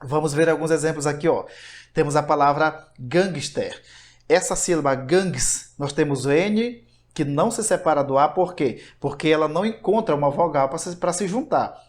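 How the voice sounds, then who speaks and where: A man's voice: fairly high pitch, moderate pace. A man teaching a grammar lesson online, explaining step by step and asking himself rhetorical questions.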